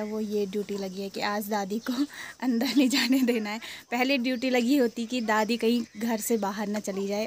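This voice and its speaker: A woman's voice: medium pitch, slight background noise. A young woman from Uttarakhand narrating a casual home vlog, chatty and talking to viewers, sometimes whispering. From Uttarakhand, India. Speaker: vlogger.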